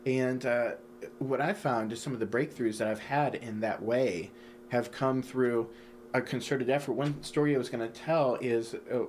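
A man's voice: medium pitch, steady tone, moderate pace, darkish tone, a little hiss or hum. A man hosting a spiritual discussion, explaining ideas earnestly and leaning on "you know".

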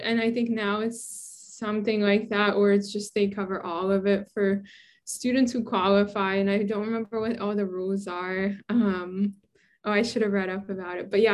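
A woman in her thirties from Brooklyn, a scientist answering interview questions in a chatty way and laughing often. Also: mid-range voice. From Brooklyn, New York. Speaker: guest scientist.

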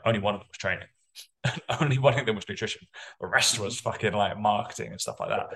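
A man's voice: fairly low pitch, a bit bright. A man who works as a personal trainer and runs a course, speaking in a candid, rambling way and swearing often in a casual podcast chat.

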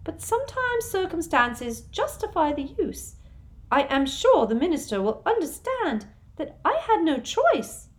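A woman reading an audiobook, voicing a cruel, simpering middle-aged witch official in a high, breathy, sugary-menacing voice. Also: very animated, measured pace, exaggerated voice. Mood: coaxing.

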